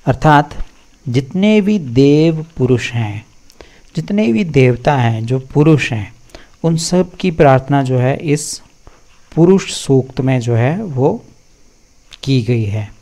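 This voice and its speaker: A man's voice: medium pitch, expressive, a little mellow. A man teaching the pronunciation of Vedic mantras, drawing out syllables one by one in a patient spoken recitation lesson. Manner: patient, drawn-out syllable-by-syllable drilling.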